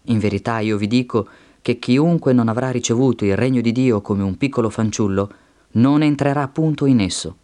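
A man voicing a stern male teacher, reading his words in a solemn, measured way. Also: mid-range voice, dark tone, close to an everyday voice.

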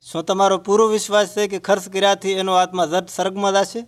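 A man's voice: sits high, flat delivery, fast. A man in a scripted religious dialogue, earnestly explaining his faith to a grieving villager.

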